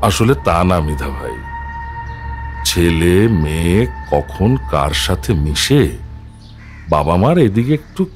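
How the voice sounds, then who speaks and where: An actor playing an outwardly reasonable, scheming councillor with a measured, mildly preachy manner. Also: male voice, deep voice, sing-song, faint music behind, heavily acted. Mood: measured, placating. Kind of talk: film drama acting.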